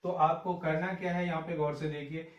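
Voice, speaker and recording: A man teaching English grammar in Hindi, often asking himself questions and slowly dictating the example sentences word by word. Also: a little high, flat delivery, highs cut off. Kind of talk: Hindi-language grammar lesson. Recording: echoey room, voice a bit far from mic.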